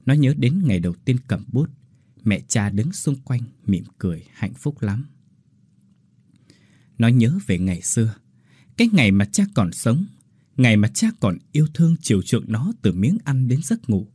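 Dark husky male horror narrator. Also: mid-range voice, big pitch swings, moderate pace, no room sound, studio quality. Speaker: storyteller.

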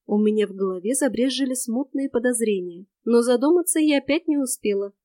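A woman reads a first-person fantasy story aloud with a lively, wry delivery. Her voice sits a little high. The recording is dry and close, with no room around it. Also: a little fast, no echo. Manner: lively, wry, expressive reading. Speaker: audiobook narrator. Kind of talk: first-person audiobook narration.

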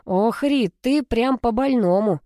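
Woman voicing a grumpy older brother, tired and sarcastic, mellow warm voice. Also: mid-range voice, a little fast, no room sound, studio quality, natural voice. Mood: grumbling. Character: grumbling young man, weary older brother.

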